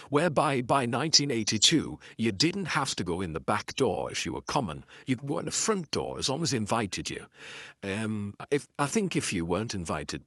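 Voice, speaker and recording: A middle-aged Geordie man talks through a book in a loose, meandering way, full of ums, restarts and wry asides at his own expense. His voice sits low but bright and forward, and it swings widely in pitch. The sound is close and dry. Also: no echo. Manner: digressive, self-deprecating, full of ums and restarts. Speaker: audiobook narrator. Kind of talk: casual rambling commentary.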